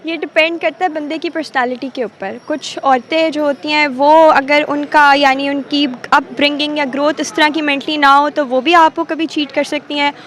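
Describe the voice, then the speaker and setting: A high, girlish voice on an eighteen-year-old woman from Pakistan, talking freely and a little teasingly. She answers a street interviewer's questions outdoors in easy, casual chat. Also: fairly even intonation, moderate pace, few pauses, a bit bright. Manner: chatty, answers at length with light teasing. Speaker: interviewee, pre-medical student.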